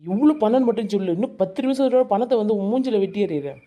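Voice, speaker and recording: A woman voicing a blunt, mellow-voiced village friend. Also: a little high, fast talker, close to an everyday voice. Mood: defiant. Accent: Tamil. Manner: blunt, defiant. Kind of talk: Tamil cartoon voice acting.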